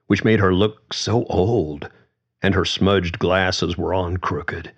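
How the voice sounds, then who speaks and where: A man reads a story aloud in a calm, measured way, his voice very deep and his pace unhurried. The recording sounds dull and lo-fi. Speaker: narrator. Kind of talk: audiobook narration.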